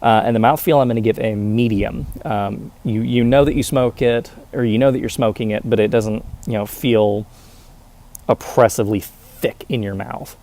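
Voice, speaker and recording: A man talking casually to viewers as a reviewer, explaining methodically with hesitant pauses. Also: medium pitch, steady tone, warm tone. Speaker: pipe tobacco reviewer.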